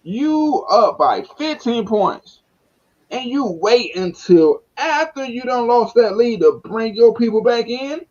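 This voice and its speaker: Man, Southern American accent, sports talk host, animated rising and falling delivery, slangy, slightly muffled lo-fi sound. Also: very high voice, slow pace. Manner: excitable, laughing, slangy banter. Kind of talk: casual sports chat.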